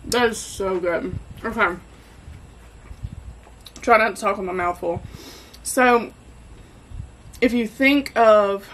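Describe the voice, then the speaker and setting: A woman's voice: medium pitch, fairly bright tone, a little hiss or hum, low-quality recording. A woman hosting a casual cooking vlog from her home kitchen, chatty and enthusiastic. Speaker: barbecue cooking host.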